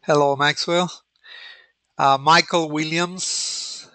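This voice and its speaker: Hesitant male instructor, bright voice. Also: fairly high pitch, fairly even intonation, no room sound. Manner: hesitant, many pauses and restarts. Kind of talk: online lecture.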